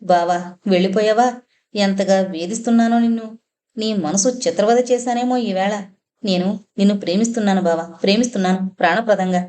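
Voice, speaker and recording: A woman's voice: mid-range voice, a little fast, dark tone, lightly acted. A woman voicing a grieving, torn young blind woman in an audiobook novel, with a tearful, pleading delivery. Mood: anguished.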